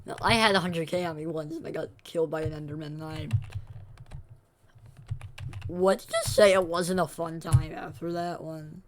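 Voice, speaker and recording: In a fairly high, steady voice at normal speed, a young man live-streaming a game talks loosely to his chat, pausing often and correcting himself in between reactions. Slight background noise is present.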